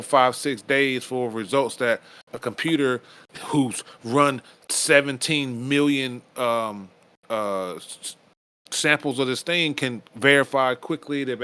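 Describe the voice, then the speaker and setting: A man's voice: medium pitch, fairly bright tone. Rambling, casual male podcast co-host. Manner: rambling, restarts often, swears casually.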